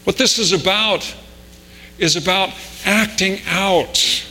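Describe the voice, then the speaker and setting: A man's voice: high voice, slow, bright, forceful tone, faint music behind. A man preaching a conversational sermon with anecdotes, pressing harder on his key points. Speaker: pastor. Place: church sanctuary. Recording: reverberant hall with mains hum.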